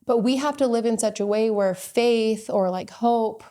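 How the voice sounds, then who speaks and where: A woman's voice: fairly high pitch, moderate pace, warm tone. A woman hosting a podcast, talking earnestly and at length in a heartfelt conversation. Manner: earnest, rambling with fillers. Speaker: podcast host.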